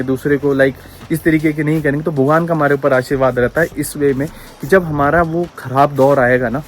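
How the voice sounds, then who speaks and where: A man's voice: medium pitch, slight background noise. A young man with a Pahari-region Hindi accent, talking in a casual vlog about negativity and faith, earnest and reflective, repeating phrases for emphasis. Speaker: vlogger. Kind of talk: casual vlog talk with spiritual musing. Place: outdoors at home, yard.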